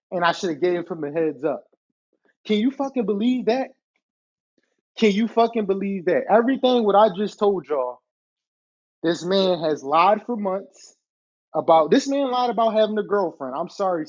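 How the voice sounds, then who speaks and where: A man hosting a podcast episode from his apartment, telling an exasperated, profane story and talking directly to his listeners. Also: a little high. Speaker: podcast host. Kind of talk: storytime rant. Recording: dull lo-fi recording.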